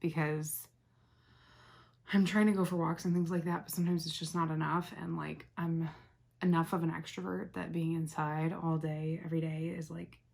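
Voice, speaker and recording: Young woman, makeup tutorial host, casual chat, soft near-whispered asides, gravelly fry, lowish voice. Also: little pitch movement, moderate pace. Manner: rambling, soft-spoken, talks while working, often drops to near whisper.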